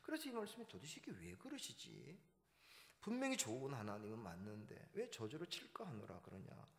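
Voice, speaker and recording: A man preaching a revival sermon as pastor, telling stories with lively, acted-out voices. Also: medium pitch, brisk. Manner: animated storytelling, acting out shouting teachers. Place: church sanctuary. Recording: church hall reverb.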